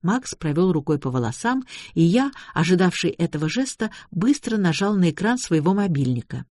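A man reading a detective audiobook in even, storytelling narration. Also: high voice, brisk, dry recording, clean studio sound. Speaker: audiobook reader. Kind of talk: scripted narration.

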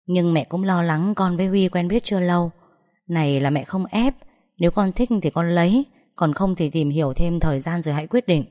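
A woman voicing a caring middle-aged mother in a read-aloud story, speaking gently and advising. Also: fairly low pitch, a little fast, close to an everyday voice.

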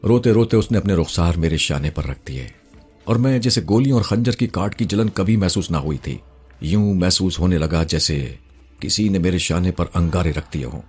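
A man reading a first-person story aloud in a measured, dramatic storytelling manner. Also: sits low, darkish tone, slightly rough, soft background music. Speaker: narrator.

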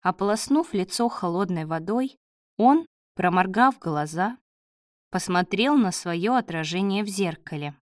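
A woman narrating an audiobook in a steady, measured reading. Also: medium pitch, no room sound, clean studio sound.

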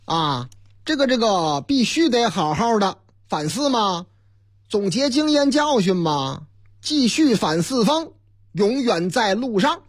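A man's voice: high-pitched, sing-song, takes it slowly, breathy edge, no echo, studio quality. A man with a Beijing accent hosting a radio news show, reading the papers aloud in a chatty way with joking asides and rhetorical questions. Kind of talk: chatty newspaper-review commentary.

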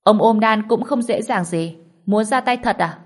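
A woman's voice: mid-range voice, brisk, close to an everyday voice. A woman voicing a confident young male doctor and cultivator who talks curtly and coolly. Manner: cool, curt.

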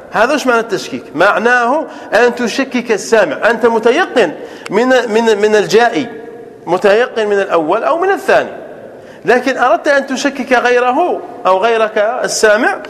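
A man, a sheikh, teaching a classroom grammar lesson. He repeats example sentences slowly, breaks them into single words, and keeps checking with his students through rhetorical questions. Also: very high voice, animated, fairly bright tone, big-room sound.

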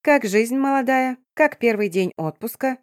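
A woman reading an audiobook voices a cheerful, loud young female friend calling on the phone, exclaiming brightly. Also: medium pitch, expressive, measured pace, dry recording, clean studio sound, natural voice. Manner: bubbly, exclaiming.

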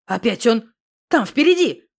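A woman voicing a nervous young man who talks low, anxious and insistent. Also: lively intonation, moderate pace. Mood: worried.

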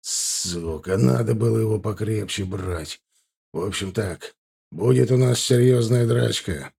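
A man's voice: on the low side, unhurried, creaky, darkish tone, slightly rough, exaggerated voice. A man voicing a hot-tempered crime boss who barks blunt orders. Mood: demanding.

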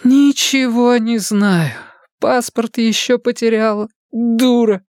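A man voicing a sick, sullen young woman who speaks hoarsely and mutters despondently. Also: very high voice, fairly even intonation, slow, no echo, clean studio sound, voice pushed up. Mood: self-pitying. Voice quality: hoarse, sniffling.

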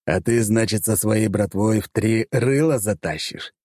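A man's voice: lowish voice, unhurried, darkish tone, breathy edge, no room sound, studio quality. A man voicing a sarcastic, grinning male war buddy with a mocking, crude manner in an audiobook.

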